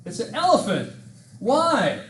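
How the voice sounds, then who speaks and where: Speaking slowly with an extremely high pitch and huge swings, a middle-aged history lecturer rambles chattily between self-deprecating jokes. A laptop mic at his lectern records him in an echoey room with a hissing background.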